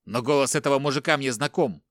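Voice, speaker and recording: A man's voice: medium pitch, animated, normal speed, bright, forceful tone, no room sound, clean studio sound. A man voicing a tough middle-aged father held captive, firm and reassuring. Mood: soothing.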